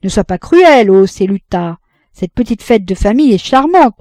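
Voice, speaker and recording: A woman reading a novel aloud, putting on a hoarse, braying young man who clowns loudly at a party. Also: medium pitch, very animated, normal speed, no room sound, clean studio sound, close to an everyday voice. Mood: clowning. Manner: loud, clowning.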